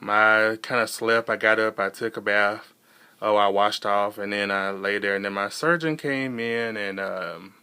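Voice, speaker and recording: A young American man speaks in a slightly low but bright, smooth voice. His delivery is casual and halting, as in a personal vlog. He rambles through his account and repeats words to stress them. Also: fairly even intonation. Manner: halting, rambling storytelling with repetition for emphasis. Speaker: vlogger.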